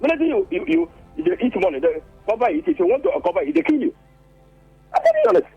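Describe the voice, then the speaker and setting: A man's voice: extremely high pitch, huge pitch swings, fast, creaky, faint music behind. A man calling into a radio show, fervent and impassioned, repeating himself. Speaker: radio caller. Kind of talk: phone-in call. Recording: dull phone line into radio.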